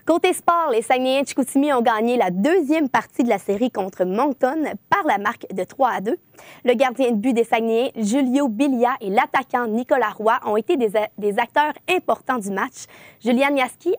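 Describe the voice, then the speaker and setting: Young woman, news anchor, scripted reading, fairly high voice, dry sound. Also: moderate pace, no room sound.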